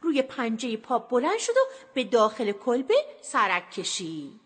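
A woman telling a children's story with lively, expressive narration. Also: fairly high pitch, slightly rough. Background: music.

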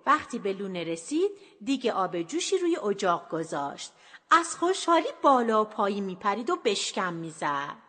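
A woman telling a children's story with lively, expressive narration. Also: medium pitch. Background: music.

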